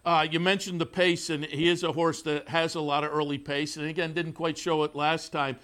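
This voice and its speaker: A man hosting a horse racing show, interviewing a guest in a relaxed, conversational way with frequent fillers. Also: on the high side, moderate pace, clear, resonant tone. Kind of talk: broadcast interview. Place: studio in the Saratoga area.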